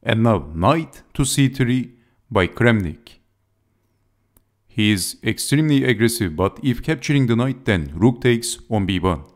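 A man's voice: medium pitch, expressive, measured pace. A man giving scripted chess game commentary as narrator, speaking in short, clipped move-by-move phrases.

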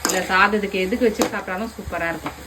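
A woman's voice: mid-range voice, rapid-fire. A woman hosting a casual home cooking vlog, chatting to her viewers as friends. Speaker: cooking vlogger. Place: home kitchen. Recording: kitchen sizzle and frying noise behind.

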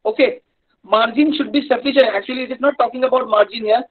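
In dull, lo-fi audio from an online class, a man with a North Indian accent lectures on engineering live. His voice is extremely high, fast, and fairly even in intonation, and he explains in a hesitant, repetitive way.

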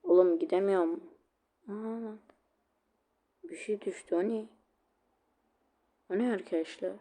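Male gamer commentator, slow drawling delivery with a dark tone, chatty, irritable about lag, keeps repeating a sing-song catchphrase. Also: high-pitched. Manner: chatty, easily annoyed, swears at lag. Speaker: gaming video creator. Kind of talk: casual gameplay commentary.

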